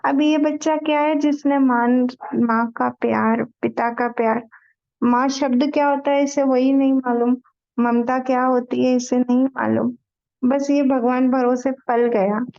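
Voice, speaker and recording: A woman leading a meditation session, narrating a devotional story in an expressive storytelling manner to a group. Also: high voice, measured pace, gravelly. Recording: muffled lo-fi recording.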